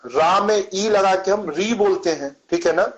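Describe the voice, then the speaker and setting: A man's voice: high-pitched, measured pace, dull audio. A man answering questions on a video call, patiently explaining Sanskrit pronunciation and demonstrating sounds by repeating syllables. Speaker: Sanskrit and yoga teacher.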